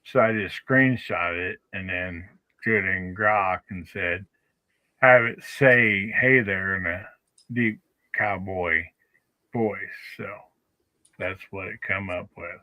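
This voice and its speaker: A man on a podcast panel, speaking slowly and laid-back and laughing often. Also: sits low, pushed and bright, no echo, rough recording. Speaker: panel guest. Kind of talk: casual panel chat.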